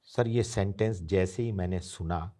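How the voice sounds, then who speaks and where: Deep and mellow, a man in his fifties speaks at a measured pace while telling a storytelling anecdote as an interview guest. He takes on the voices of the people he quotes.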